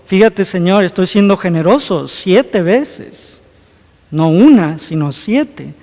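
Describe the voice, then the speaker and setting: Pleased-with-himself apostle, high voice, long echo, as a priest puts him on. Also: male voice, lively intonation, slow pace, darkish tone, exaggerated voice. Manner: self-satisfied, eager to please. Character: apostle proudly offering generous forgiveness. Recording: long hall reverb.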